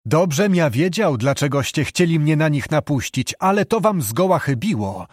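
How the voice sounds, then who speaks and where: A man reading an audiobook, voicing a calm, stubborn young knight who answers steadily. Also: a little high, moderate pace, dry recording, clean studio sound. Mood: calm defiant.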